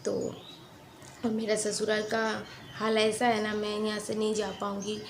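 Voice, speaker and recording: A woman's voice: medium pitch, completely flat delivery, a little hiss or hum. Chatty young woman. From West Bengal, India. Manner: chatty, earnest, rambling with pauses. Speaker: vlogger. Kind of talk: casual storytelling vlog.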